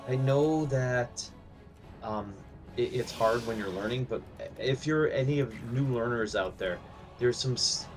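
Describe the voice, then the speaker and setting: A man co-casting a live strategy game, excitable and jokey, talking in quick bursts. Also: medium pitch, faint music behind. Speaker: esports co-caster.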